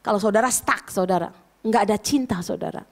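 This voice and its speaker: A woman pastor preaching a sermon in an animated, conversational way, often turning to her listeners directly. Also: mid-range voice, fairly quick. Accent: Indonesian.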